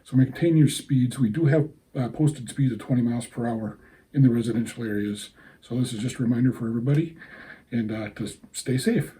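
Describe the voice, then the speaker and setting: Very mellow, halting man making informal announcements. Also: medium pitch, poor audio. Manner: halting, folksy, off-the-cuff. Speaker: small-town mayor. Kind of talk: informal spoken public announcement.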